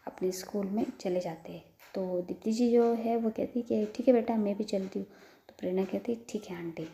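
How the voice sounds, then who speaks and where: A woman's voice: mid-range voice, warm tone. A woman telling a love story in a casual, chatty way, linking her sentences with many "so"s. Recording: echoey room.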